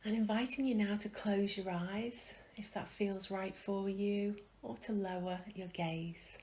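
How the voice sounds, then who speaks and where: Gentle and soothing, a woman leads a guided meditation in a steady, mid-range voice. Her soft phrases slip into a whisper, and she leaves long pauses.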